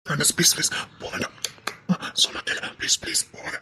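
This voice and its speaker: An actor with a Tirunelveli Tamil accent playing a desperate young man who pleads with his lover, swinging from hushed pleas to shouting. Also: extremely high pitch, expressive, quick pace, heavily acted. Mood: hushed pleading. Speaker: actor in a romance drama. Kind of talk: emotional drama acting.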